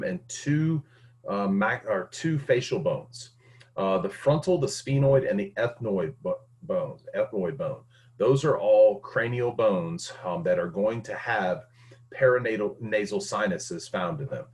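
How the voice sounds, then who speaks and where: A man teaching an anatomy lesson, explaining step by step with frequent fillers and restarts. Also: lowish voice. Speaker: anatomy instructor. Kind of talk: recorded lecture.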